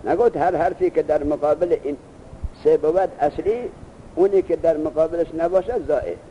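Mellow-voiced male teacher quizzing a class. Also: a little high, muffled recording, slight background noise. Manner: quizzes students with quick questions, then recites answers. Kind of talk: classroom lesson.

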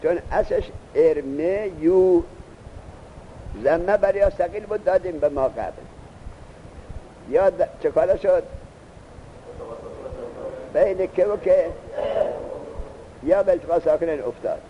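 A man teaching a classroom grammar lesson, explaining slowly and quizzing his students with questions. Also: high-pitched, dull audio, a little hiss or hum.

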